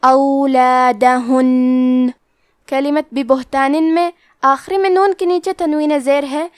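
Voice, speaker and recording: High clear-voiced woman teaching recitation rules, slow and methodical, dry close sound. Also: no echo. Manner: patient, methodical, step-by-step explanation. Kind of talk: tajweed lesson, explaining pronunciation rules.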